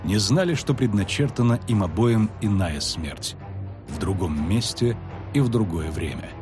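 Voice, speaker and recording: A man narrating a fantasy audiobook with dramatic, expressive delivery. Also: fairly low pitch, normal speed, over music.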